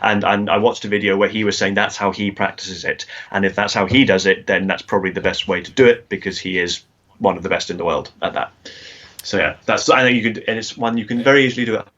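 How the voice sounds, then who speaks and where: Male singing teacher, interview guest on a video call; low-ish voice, muffled lo-fi audio, halting explainer. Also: steady tone, fairly bright tone. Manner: explains singing technique with many restarts and filler words.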